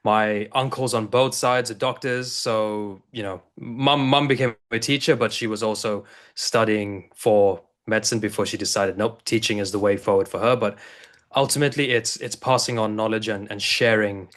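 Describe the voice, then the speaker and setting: Male guest, 30s, low-pitched, loose rambling delivery with frequent restarts. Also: fairly even intonation, moderate pace, fairly bright tone. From South Africa. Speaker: guest, integration coach. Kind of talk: casual interview talk.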